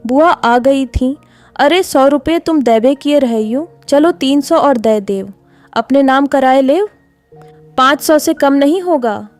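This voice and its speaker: A woman's voice: high voice, measured pace, darkish tone, soft background music. A woman voicing a scheming middle-aged village mother who coaxes in rustic dialect. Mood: coaxing.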